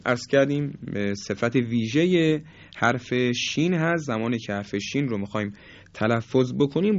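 A man teaching Quran recitation rules, explaining calmly and slowly stretching out example words to show each sound. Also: mid-range voice, no room sound. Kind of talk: tajweed lesson. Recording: dull, dry recording.

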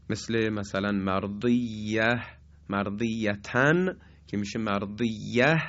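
A man teaches Quran recitation in a measured radio lesson, pausing on hesitations and stretching out each example word as he recites it. His voice sits at a middling pitch. The recording sounds dull and dry, like an old studio broadcast. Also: dry recording.

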